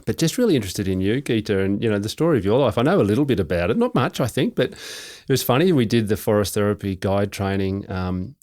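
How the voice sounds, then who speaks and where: A man's voice: fairly low pitch, quick pace, hardly any pauses. Man hosting a podcast. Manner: relaxed, repeats words and restarts. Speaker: podcast host. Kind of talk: conversational interview.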